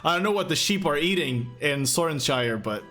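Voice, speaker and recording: A man's voice: on the high side, a little fast. Chatty young man with fillers. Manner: relaxed, rambling with many fillers and restarts. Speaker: game master and stream host. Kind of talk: casual livestream chat, reading chat questions. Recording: faint music behind.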